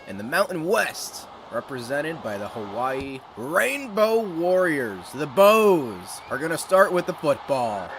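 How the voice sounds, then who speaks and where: With game music in the background and a little hiss or hum, a young man from the United States streams a football video game, calling plays and greeting his chat. His mid-range voice is a bit bright, and his manner is casual, upbeat and talkative.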